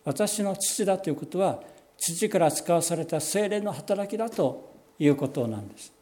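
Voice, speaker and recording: Man preaching, kinda high pitched but mellow, slow and deliberate on the important bits. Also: lively intonation. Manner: measured, explanatory preaching with slowed emphatic phrases. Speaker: pastor. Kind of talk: sermon.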